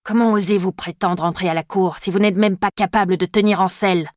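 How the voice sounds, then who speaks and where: A woman's voice: mid-range voice, fairly even intonation, fairly quick, a little mellow, dry recording, clean studio sound, lightly acted. Brief: woman as arrogant male riding master, commanding, clipped. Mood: harsh. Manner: curt, commanding.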